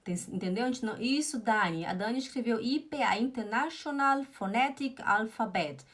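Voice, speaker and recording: A woman's voice: on the high side, normal speed, a bit bright. A young Brazilian woman teaching German in a live-streamed lesson, chatting and reading viewers' comments aloud with frequent "né?". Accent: Brazilian Portuguese.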